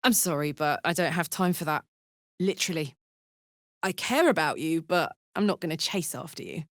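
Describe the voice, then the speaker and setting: In clean, echo-free studio sound, an actress with a deep, expressive voice speaks at normal speed, delivering video game character lines. She plays a brash, big-hearted young female warrior who is blunt and swaggering, tough but playful and emotionally open, here in a heartfelt, somber mood.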